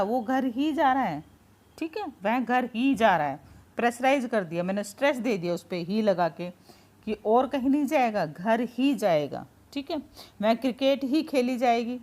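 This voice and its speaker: Woman, teacher, fairly high voice, informal grammar lesson, patient explanations, everyday examples. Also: darkish tone.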